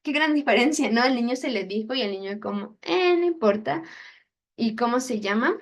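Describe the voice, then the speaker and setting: A woman's voice: on the high side, quick pace. Chatty young woman teaching. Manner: chatty, acts out inner voices, laughs at herself. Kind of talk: casual teaching talk.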